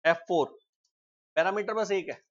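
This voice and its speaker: A man's voice: sits high, moderate pace. Teacher quizzing his class, lo-fi sound. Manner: asks students frequent check questions. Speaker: programming teacher. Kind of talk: live classroom coding lecture.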